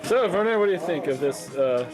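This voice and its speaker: A man's voice: a little high, animated, fairly quick, music in the background, rough recording. A man bantering casually, playful and exclamatory, at a social gathering.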